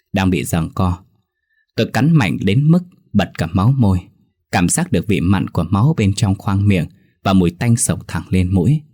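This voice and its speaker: A man reads a first-person ghost story aloud, tense and measured. His voice is very deep with a husky, breathy edge. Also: dark tone.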